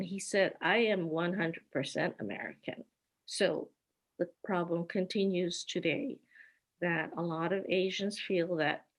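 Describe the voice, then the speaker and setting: An older woman from Hawaii, a guest on a video call, telling her life story unhurriedly and stopping now and then to sort out her slides. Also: on the low side. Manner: unhurried, stops to sort out her screen share. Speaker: interview guest.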